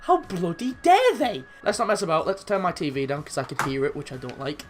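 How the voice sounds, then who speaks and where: Young guy narrating his football game, swears a lot, yells at goals, bit of music underneath. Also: on the high side, fast talker. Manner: excitable, swears, bursts into shouts at goals. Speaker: gaming YouTuber. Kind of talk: live football game commentary.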